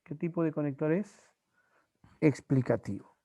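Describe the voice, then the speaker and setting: Over the internet, a teacher from Peru runs a language lesson, going back over examples and his pupils' replies at an unhurried pace. He sounds animated, slightly high-pitched and somewhat dark in tone, and the recording has no echo.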